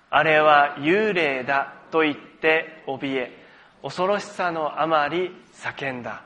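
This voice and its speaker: A man delivering a church sermon in a slightly higher-than-usual voice. He explains scripture patiently, point by point, and invites the congregation to read along with him. He adds light, self-deprecating humor. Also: a bit bright. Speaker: pastor.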